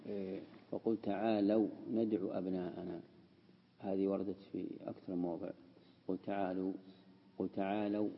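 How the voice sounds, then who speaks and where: A man's voice: sits low, level tone, a little fast, vocal fry, pauses often, breathy edge, big-room sound, muffled recording. A man teaching a classical text as a sheikh, explaining and repeating key words. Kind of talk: lesson explaining Quranic word usage.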